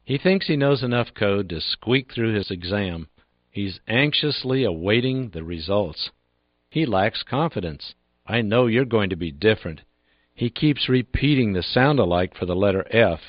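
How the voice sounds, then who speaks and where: A man with a fairly low voice leads a lesson as instructor, speaking in a calm, patient, coaching way and repeating short drill phrases. His scripted narration comes through a dry, slightly muffled recording with no room sound. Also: moderate pace, no room sound.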